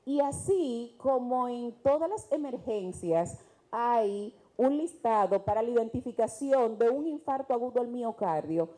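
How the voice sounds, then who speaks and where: Emphatic Dominican woman, mellow voice. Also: fairly high pitch, low-quality recording. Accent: Dominican Spanish. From Dominican Republic. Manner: earnest, emphatic, explanatory. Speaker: mental health specialist guest. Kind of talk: TV panel discussion.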